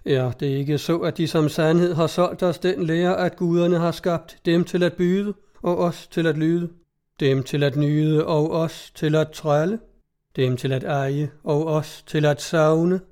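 A man voicing a proud outlaw chieftain in a storybook reading, speaking in slow, booming oratory. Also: fairly even intonation, a little mellow, close to an everyday voice. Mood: rousing.

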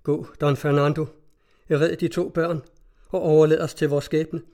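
A frightened young mother pleads in desperation, as a male storyteller reads her lines. The voice is soft, mellow and slightly high. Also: flat delivery, natural voice. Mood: resigned.

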